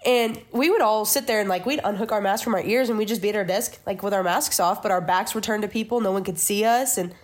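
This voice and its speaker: A woman co-hosting a podcast, animated and quick to jump in, with a cough. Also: medium pitch, a little hiss or hum. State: has a cough. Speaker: podcast co-host. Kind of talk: casual chat.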